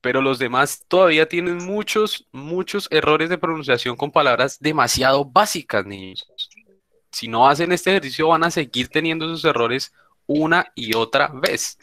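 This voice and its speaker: Bright-voiced teacher on a video call. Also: male voice, a little high, animated, moderate pace, no room sound. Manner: informal, calls students "papá", insistent repeating. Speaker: English teacher. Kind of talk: online class instruction.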